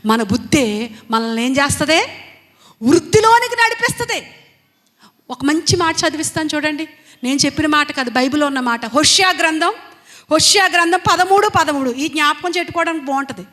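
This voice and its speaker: Woman preacher, really high sharp voice, keeps repeating herself and firing questions at the church, long echoey hall reverb. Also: animated, fairly quick. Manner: emphatic, repetitive, rhetorical questions to the congregation. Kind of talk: Sunday sermon.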